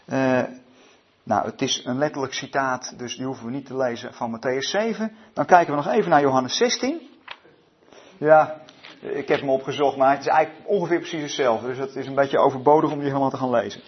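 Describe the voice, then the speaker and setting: A man leading a Bible study evening, reading scripture aloud and talking it over with many hesitant fillers and restarts. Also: medium pitch. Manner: reads scripture aloud in a measured tone. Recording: dull lo-fi recording.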